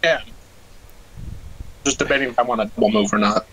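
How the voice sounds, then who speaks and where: A man's voice: medium pitch, fairly quick, fairly bright tone, low-quality recording. A young man playing a tabletop game, hesitant and full of ums as he picks his move. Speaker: player. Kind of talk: casual tabletop game chat.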